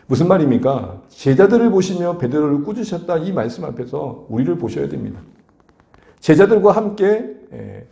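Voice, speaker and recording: A male pastor preaching a sermon, asking the congregation questions and building to animated emphasis. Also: a little high, vocal fry, echoey room. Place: church sanctuary.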